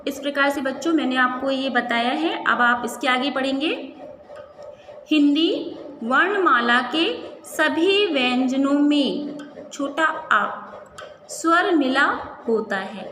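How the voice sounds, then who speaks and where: Slow, high-voiced woman teaching in an echoey room. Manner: stretches out words syllable by syllable, often asks and answers her own questions. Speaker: primary school Hindi teacher. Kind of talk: classroom lesson, slow syllable-by-syllable drilling. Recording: echoey room with faint ambient noise.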